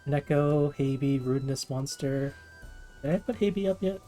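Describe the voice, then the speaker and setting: A man's voice: medium pitch, normal speed, mellow, soft background music. A man live-streaming in casual chat, upbeat and chatty, thanking viewers by name.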